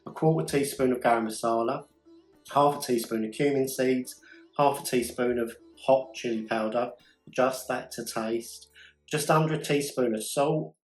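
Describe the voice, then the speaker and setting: A man's voice: mid-range voice, steady tone, normal speed. Enthusiastic, jokey male cooking host in an echoey kitchen, faint music underneath. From United Kingdom. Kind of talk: casual cooking demonstration. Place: home kitchen.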